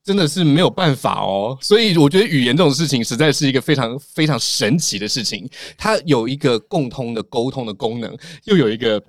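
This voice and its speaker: Fast-talking, chatty male podcast host. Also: mid-range voice, animated, no room sound, studio quality. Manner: chatty, agreeable, quick interjections. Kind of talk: casual podcast chat.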